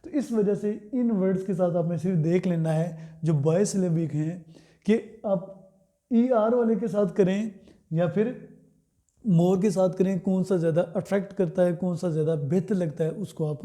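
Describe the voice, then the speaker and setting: A man teaching English grammar in Hindi, pronouncing example words slowly and putting questions to his students that he answers himself. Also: sits high, dark tone. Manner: slow, drawn-out words, asks and answers his own questions. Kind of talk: Hindi-language grammar lesson.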